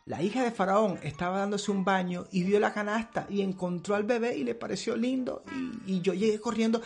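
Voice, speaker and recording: A man voicing a frantic, breathless young girl who shouts for her mother. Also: high voice, brisk, gravelly, soft background music. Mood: excited. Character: frantic young girl, the baby's older sister.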